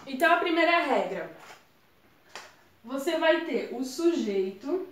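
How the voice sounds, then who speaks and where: A Brazilian woman with a high voice walks viewers through exam grammar in a relaxed, chatty way. The room around her is echoey. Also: a little slow. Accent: Brazilian Portuguese. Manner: chatty, addresses viewers as gente. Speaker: exam prep tutor. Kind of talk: casual explanatory lesson.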